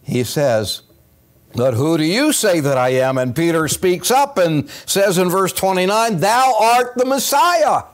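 Preaching from the pulpit of a church sanctuary, this older pastor from the United States speaks earnestly and with emphasis. He pauses often and lifts his stresses, and his high-sitting voice stays very animated throughout.

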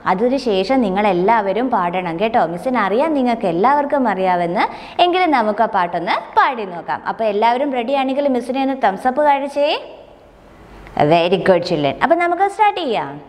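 A woman's voice: fairly high pitch, very animated, normal speed, a little mellow. A woman kindergarten teacher teaching a nursery rhyme to small children, coaxing them along with question after question and calling herself "miss". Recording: long reverb, hall-like.

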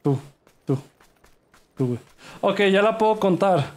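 Brief: young Mexican male streamer, high voice, unhurried, rambling and jokey. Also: lively intonation. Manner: rambling, joking, reacts loudly to chat. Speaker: game streamer. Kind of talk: casual livestream chat.

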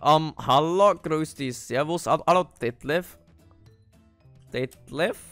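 A man's voice: fairly high pitch, takes it slowly, fairly bright tone, no echo, faint music behind. A man with an Austrian accent playing a Minecraft role-play, talking with many hesitant fillers and breaking into panicky yelps. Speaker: gamer.

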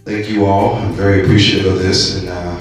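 A man with a very deep, flat voice gives a humble, hesitant thank-you speech into a handheld mic on a cinema stage. The sound is echoey and distant, with music behind him. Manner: humble and halting, many pauses and fillers. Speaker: award recipient. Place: large cinema theater, indoors. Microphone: handheld mic, far camera. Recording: echoey theater from far off.

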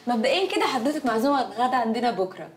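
A woman's voice: fairly high pitch, expressive, very fast, soft background music, natural voice. A young woman with an Egyptian accent, acting in a TV drama with a blunt, teasing manner. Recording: roomy echo.

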